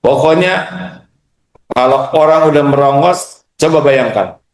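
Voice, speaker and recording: A man's voice: fairly high pitch, a little slow. A man preaching a sermon to an audience, questioning them and acting out insults. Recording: echoey hall.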